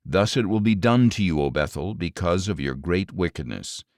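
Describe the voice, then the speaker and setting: Guy reading the bible aloud, slow and solemn, lowish voice, dead dry close mic. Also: expressive, a little mellow, no room sound. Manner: measured, solemn delivery with falling line endings. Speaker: audio Bible narrator. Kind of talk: scripted scripture reading.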